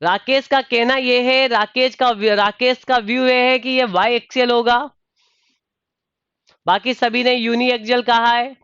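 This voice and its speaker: A man with a high, smooth voice teaches a live online engineering class, calling on students by name and addressing them as dear. He keeps his delivery steady and even in pitch, and patiently repeats his questions. The sound is dry and a little dull, lo-fi. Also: a little slow, no room sound. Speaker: online exam tutor.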